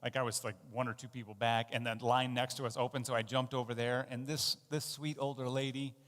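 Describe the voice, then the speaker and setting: A man's voice: medium pitch, level tone, a little fast, fairly bright tone, big-room sound. A man giving a sermon in a conversational, self-deprecating way, with fillers and restarts. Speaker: pastor. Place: church.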